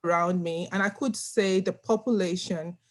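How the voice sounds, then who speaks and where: A woman's voice: on the low side, fairly even intonation, normal speed. A woman from Nigeria speaking on a video call panel, earnest and emphatic, often repeating words as she stresses a point. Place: home room.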